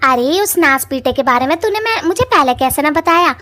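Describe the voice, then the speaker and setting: A hot-tempered witch mother rants in a high voice, voiced by a woman. She is rustic and threatening, and fiercely protective of her daughter. The voice belongs to a cartoon. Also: animated, moderate pace, pushed and bright. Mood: furious.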